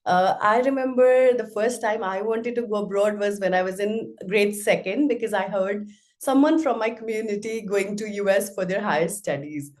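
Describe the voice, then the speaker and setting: A woman's voice: medium pitch, darkish tone. A woman, a podcast guest speaking thoughtfully in a casual interview, with frequent fillers and restarts. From Nepal.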